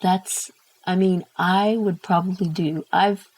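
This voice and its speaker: A woman's voice: on the low side, steady tone, takes it slowly, darkish tone, low-quality recording. A woman hosting an interview, responding to her guest in a supportive, encouraging way. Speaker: host. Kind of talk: talk show interview.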